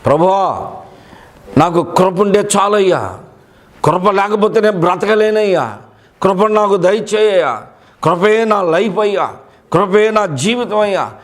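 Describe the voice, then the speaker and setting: A man's voice: high voice, lively intonation, unhurried, pauses often. A preacher voicing an earnest young man praying. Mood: pleading. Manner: pleading, repetitive.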